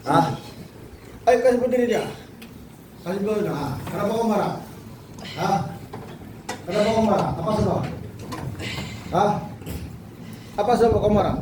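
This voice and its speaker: A male pastor leading a deliverance prayer, pressing the person with repeated questions. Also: sits high. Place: church hall. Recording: very echoey distant church recording with noise.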